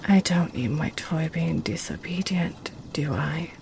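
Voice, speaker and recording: In an ASMR roleplay audio drama, a woman plays a seductive, possessive succubus, talking in a teasing, sly way. Her voice is deep and animated, a little slow, and there's a noisy background.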